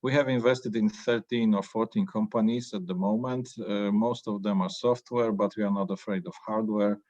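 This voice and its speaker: A man from Poland introduces his fund in a measured, steady way, clearing his throat between phrases. His voice is on the low side and the recording is dry. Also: no echo. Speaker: venture partner, judge.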